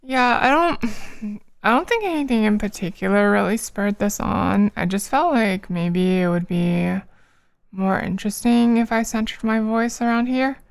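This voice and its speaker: Slow, gravelly-voiced tired woman streamer. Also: mid-range voice. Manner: rambling, many fillers, soft laughs. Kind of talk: casual chat while drawing on stream.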